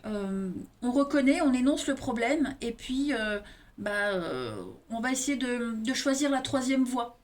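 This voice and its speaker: A woman's voice: on the high side, lively intonation, measured pace. A woman with an eastern French accent giving a monthly tarot card reading, talking straight to viewers and often tagging her sentences with "hein". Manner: addresses viewers directly, frequent tag "hein". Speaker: tarot reader.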